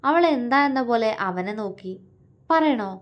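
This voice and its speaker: A woman narrating a romantic story in a calm, even storytelling manner. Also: medium pitch, normal speed.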